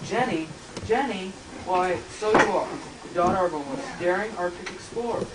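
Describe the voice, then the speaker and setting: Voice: medium pitch, normal speed, close to an everyday voice. Grumbling old Santa Claus acted by a woman, amateur Christmas play, echoey room, distant mic. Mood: softening. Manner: grumbling, complaining. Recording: noisy echoey tape from far off.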